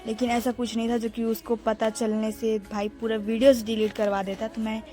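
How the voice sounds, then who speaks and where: A woman's voice: a little high, flat delivery, brisk, mellow, faint music behind. A young woman narrating her vlog in a casual, chatty way and talking to her viewers as friends. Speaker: vlogger.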